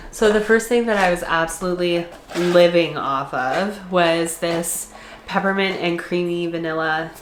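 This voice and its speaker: A woman vlogger with a congested, stuffed-up voice chats casually to her camera, laughing often. Her voice is low for a woman with a fairly bright tone, and the sound bounces around an echoey room.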